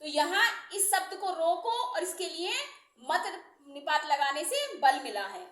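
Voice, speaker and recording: Female grammar teacher, high voice, patient and repetitive, recorded in an echoey room. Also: lively intonation, fairly bright tone. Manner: slow, repeating terms and examples. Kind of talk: explanatory lesson.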